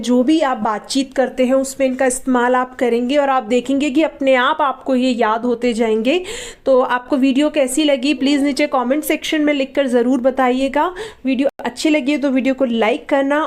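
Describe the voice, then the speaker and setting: A woman's voice: sits high, steady tone, moderate pace, a little mellow. A Hindi-speaking woman teaching vocabulary, spelling each word letter by letter and asking questions she then answers herself. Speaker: English teacher. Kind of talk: spoken vocabulary lesson.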